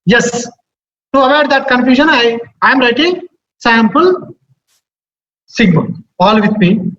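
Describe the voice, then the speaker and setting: A man's voice: extremely high pitch, lively intonation, a little slow, fairly bright tone. A man with a Telugu Indian accent teaching a live maths class, repeating phrases and often checking in with questions. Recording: echoey room, dull sound, faint noise.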